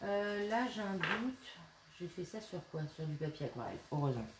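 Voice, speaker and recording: A woman's voice: on the low side, lively intonation, a little fast, heavy background noise. A French woman hosting a live craft demonstration, talking casually with many hesitations and restarts while she works. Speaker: scrapbooking live host. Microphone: camera on a tripod.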